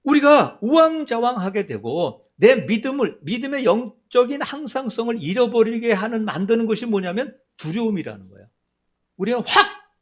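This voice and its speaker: A middle-aged man preaching a sermon as a pastor, asking his congregation many questions and acting out quoted voices in a lower tone. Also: sing-song, moderate pace, few pauses.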